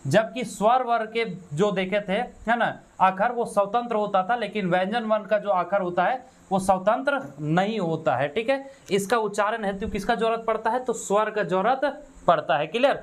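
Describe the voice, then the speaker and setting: A man with a Khortha accent, his voice sitting fairly high for a man, teaches an exam-prep grammar lesson over slides. He explains step by step, poses questions and answers them himself, and keeps checking in with his listeners. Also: normal speed. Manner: explains step by step, asks and answers own questions, frequent "है ना" and "ठीक है".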